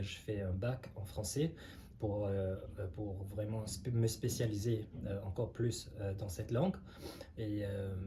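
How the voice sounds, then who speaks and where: A French teacher gives a casual online language lesson in a lowish male voice, explaining things in a relaxed, conversational way. He's hesitant and uses lots of filler sounds, with background noise audible.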